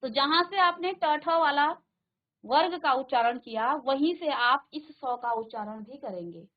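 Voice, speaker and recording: A woman teaching a class, slowly sounding out syllables aloud for her pupils to repeat. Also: sits high, animated, narrow, tinny audio. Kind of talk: classroom lesson. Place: studio virtual classroom.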